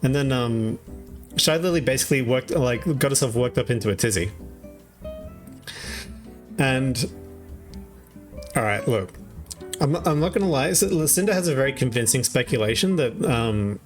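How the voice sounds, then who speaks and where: A man's voice: medium pitch, animated, moderate pace, pauses often, faint music behind. A young Australian man streaming, recapping online drama in rambling, casual chat with many fillers and frequent laughs. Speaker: VTuber streamer.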